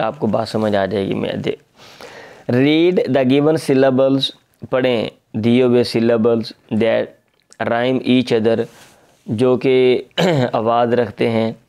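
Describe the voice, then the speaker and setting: A man teaching a children's English lesson, reading each English phrase and explaining it in Urdu, repeating words for young learners and clearing his throat now and then. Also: mid-range voice, a little mellow. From Pakistan. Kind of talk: slow line-by-line lesson translating English into Urdu.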